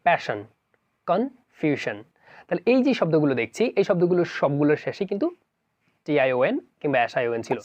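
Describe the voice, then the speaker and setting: A pronunciation teacher giving a spoken lesson, slowly spelling out letters and repeating words with care. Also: mid-range voice, a little mellow, dry recording, lo-fi sound. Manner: slow, deliberate spelling-out of letters.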